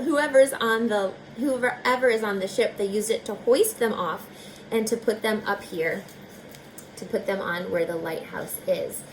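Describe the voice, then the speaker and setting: Reading a picture book aloud with expression, a woman teacher in a fairly high voice chats directly to the young listeners as she goes. She keeps a slow, deliberate pace, though the rough recording picks up a little hiss or hum.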